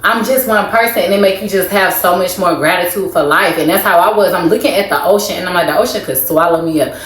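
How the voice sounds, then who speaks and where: Brief: low-pitched woman co-host, reflective casual chat, echoey room. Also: fast. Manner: reflective, filler-heavy. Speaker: podcast co-host. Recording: echoey room, faint ambience.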